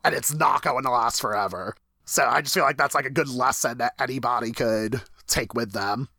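A man in his thirties talks through a TV episode in an animated, casual way, his voice leaping high whenever he acts out a reaction. His tone is bright and forward, recorded close with no room sound. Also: normal speed, vocal fry, breathy edge, no room sound. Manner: animated, jumps high in pitch when acting out reactions. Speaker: podcast co-host.

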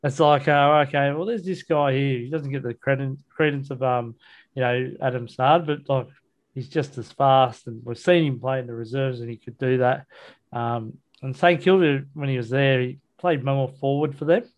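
A man's voice: mid-range voice, steady tone, moderate pace, dull audio. Blokey Australian man hosting casual footy chat. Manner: blokey, matey, colloquial. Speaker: sports podcast host. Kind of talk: casual football chat, match review.

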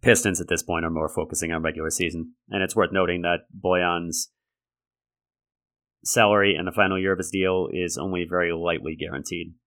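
A man hosting a sports podcast solo, talking analytically and conversationally in a gravelly voice left raspy by a lingering cold. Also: low voice, fairly even intonation, fairly quick, a bit bright. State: raspy from a lingering respiratory infection. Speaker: podcast host. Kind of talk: sports commentary monologue.

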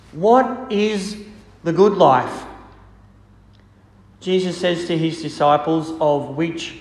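A priest reading the gospel and preaching a homily in a slow, measured, solemn way, heard with a cathedral-like echo. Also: male voice, a little high. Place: large church. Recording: long reverberant church echo.

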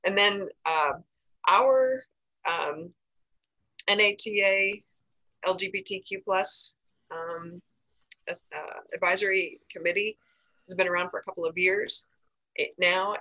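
An American female podcast guest shares information informally. Her voice sits a little low but has a bright, forceful edge. She speaks haltingly, pausing and hesitating between phrases. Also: poor audio. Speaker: podcast guest, safe zone trainer.

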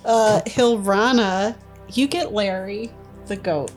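A woman's voice: mid-range voice, takes it slowly, loud music behind the voice. A woman playing a tabletop game, talking casually and reading out items with dry humor. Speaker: player.

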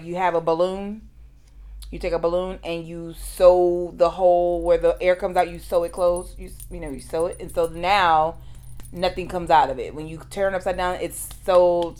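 A woman's voice: fairly low pitch, a little mellow. A woman hosting a podcast, telling a personal story in a conversational way and acting out what others said. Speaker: podcast host.

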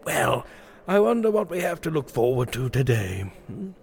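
A man's voice: mid-range voice, big pitch swings, moderate pace, creaky, darkish tone. An actor playing a pompous, bumbling, gluttonous medieval king in a comic drama, wordy and dithering. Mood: chatty, amused. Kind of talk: comic audio drama acting.

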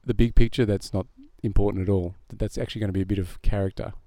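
Middle-aged man, podcast guest, self-deprecating, laughs a lot, lowish voice. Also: fairly even intonation, fast talker, dark tone, no room sound. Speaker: musician guest. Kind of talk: casual podcast interview.

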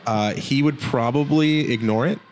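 A man co-hosting a casual hockey podcast, joking and rambling with quick asides. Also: mid-range voice, slight background noise. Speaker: podcast co-host.

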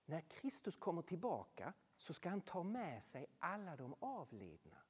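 A preacher giving a sermon, animated, with rhetorical questions and swings between loud and hushed. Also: mid-range voice, husky, long reverb tail. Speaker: speaker addressing a Norwegian audience.

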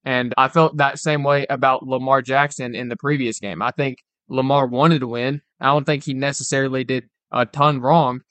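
A man's voice: medium pitch, fairly even intonation, normal speed, hardly any pauses, a bit bright, no echo. A young man co-hosting a casual sports podcast, analysing the game and often saying "like" and "literally". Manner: analytical, peppers talk with "like" and "literally". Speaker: podcast co-host.

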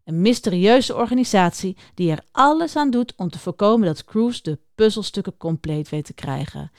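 A woman's voice: mid-range voice, lively intonation, normal speed, no room sound, studio quality. Woman introducing a children's book. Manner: friendly, addressing young listeners directly. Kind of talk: scripted morning-opening talk for children.

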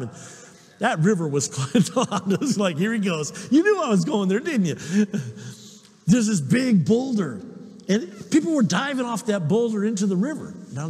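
A pastor preaching and telling personal stories with a lot of humor about himself. His husky voice sits high and leaps around with animation. The recording carries a long hall reverb. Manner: storytelling, animated, self-deprecating humor. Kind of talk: sermon.

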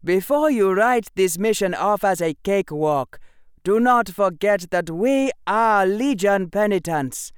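Male actor as a loud, stern military commander who barks orders in a raised voice. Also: high voice, lively intonation, unhurried, clean tone, no room sound, clean studio sound, pitched above the performer's own voice.

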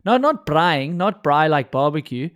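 A male interviewer with a South African accent talks in a casual, conversational style. His voice sits somewhat higher than most men's. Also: big pitch swings, a little slow, a bit bright. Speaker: podcast host interviewer.

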